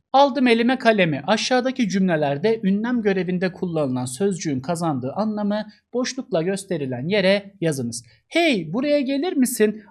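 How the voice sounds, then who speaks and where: A man's voice: high voice, darkish tone. A young man teaching a grammar lesson in a chummy, big-brotherly way, acting out example sentences with animation. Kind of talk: casual exam-prep lesson.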